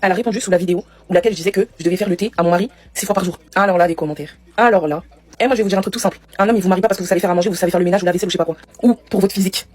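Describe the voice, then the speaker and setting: A woman's voice: lowish voice, very fast, darkish tone. A woman giving emphatic opinion commentary to camera.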